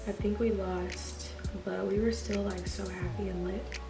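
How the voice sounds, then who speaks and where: A woman's voice: medium pitch, fairly even intonation, a little slow, vocal fry. A woman in her twenties doing a casual, slangy, sweary question-and-answer chat over a meal. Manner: informal, slangy, frequent swearing. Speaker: YouTuber answering viewer questions. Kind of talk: casual mukbang Q&A chat while eating. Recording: roomy echo with background music.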